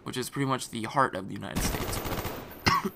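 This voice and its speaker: This gaming commentator's medium-pitched voice is gravelly and fairly quick, his throat scratchy and irritated. He rambles casually with lots of fillers and restarts, in a voice-over laid over loud gunfire and explosions.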